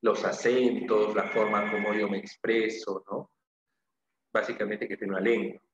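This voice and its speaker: A man's voice: fairly low pitch, little pitch movement, measured pace. Peruvian man teaching, roomy dull sound. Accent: Peruvian Spanish. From Peru. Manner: explains step by step, repeating key phrases and asking "¿no?" and "¿ok?". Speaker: language teacher. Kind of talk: classroom lecture.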